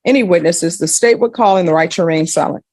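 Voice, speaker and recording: A woman presiding as judge over a court hearing formally puts questions and gives rulings in a courtroom. Her fairly low voice is fast and a little mellow, with no room sound.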